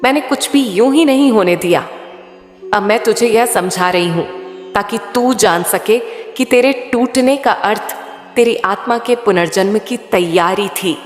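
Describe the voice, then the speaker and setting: A woman voicing a loving, all-knowing mother goddess in a soothing devotional message, speaking slowly and intimately. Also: medium pitch, close to an everyday voice. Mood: tender. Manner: slow, soothing, intimate address. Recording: echoey hall with faint sitar music.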